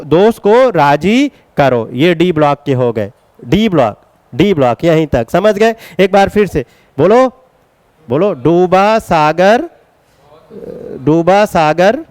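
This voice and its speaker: A man teaching chemistry in a classroom lecture, coaxing his students with questions and chanting mnemonics in a slow singsong. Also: fairly high pitch, a little mellow, clean tone, no echo. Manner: coaxing, calls students beta, asks and answers questions.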